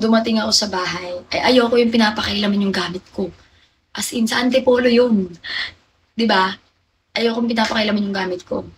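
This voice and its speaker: Her voice is fairly high, and the audio is poor with a little hiss or hum. She's a young livestream host having a casual, confiding chat, calling out viewers by name and answering what they write.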